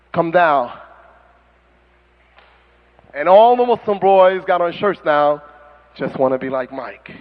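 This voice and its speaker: A man preaching as an imam, fiery and mocking, in an animated sermon style, on a dull lo-fi recording. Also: extremely high pitch, big-room sound.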